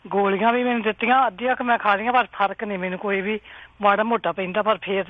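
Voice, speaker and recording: A woman's voice: mid-range voice, steady tone, fast, no room sound. A woman calling a radio show and plainly describing her complaint with some worry. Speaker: caller. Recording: tinny phone line.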